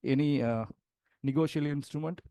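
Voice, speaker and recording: A man's voice: a little high, fairly quick, creaky, dark tone, dry recording. A male student answering his teacher's questions hesitantly, with many fillers and a polite "sir". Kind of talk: answering in class.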